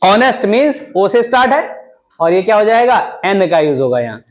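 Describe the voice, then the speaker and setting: A man's voice: high-pitched, sing-song, brisk. A man teaching English grammar in a classroom style, mixing Hindi with English terms and asking and answering his own questions.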